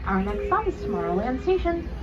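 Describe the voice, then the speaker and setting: A woman conductor giving safety announcements over an outdoor loudspeaker. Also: a little high, big pitch swings, fairly quick. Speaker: train conductor. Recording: dull distant loudspeaker with crowd and vehicle noise.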